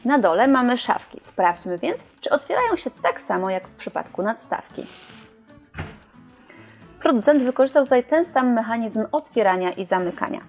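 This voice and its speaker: Here the same kind of showroom review comes from a young woman with a fairly high but darkish voice. She explains the furniture clearly, following a script.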